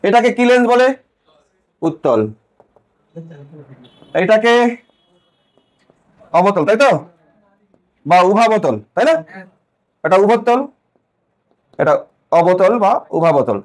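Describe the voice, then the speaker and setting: Physics teacher, male, high voice, lecturing and quizzing the class. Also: animated, slow pace, pauses often. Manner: questioning, repeats key points to students.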